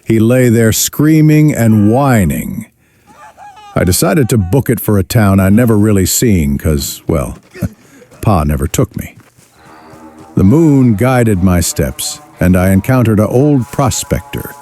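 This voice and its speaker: A man plays a rueful western outlaw telling his life story in a gravelly, low drawl. His delivery is wry and slow, with big swings in pitch over faint music. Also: lively intonation, mellow, heavily acted. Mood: uneasy. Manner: folksy drawl, wry and unhurried. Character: young male outlaw drifter recounting his rough life, rueful. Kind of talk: scripted first-person western narration.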